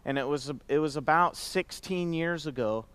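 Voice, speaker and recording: A man speaking to a company gathering in a warm, rambling way, with many fillers and restarts. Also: fairly high pitch, normal speed, clear, resonant tone. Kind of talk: conference speech.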